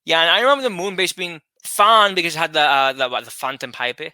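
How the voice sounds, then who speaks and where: Chatty male co-host with a very bright, keen tone and a dry, close sound. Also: on the high side, quick pace, clean tone, no echo. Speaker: podcast co-host. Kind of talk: casual chat.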